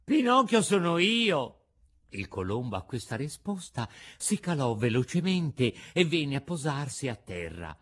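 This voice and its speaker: A man narrating a classic storybook aloud in an expressive, theatrical way. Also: medium pitch, normal speed, hardly any pauses, husky. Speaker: reader.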